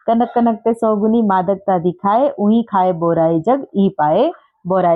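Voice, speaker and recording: Woman teaching over tinny phone-like audio. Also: mid-range voice. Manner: explains patiently, reads verses slowly, checks understanding. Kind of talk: casual exam-prep lesson.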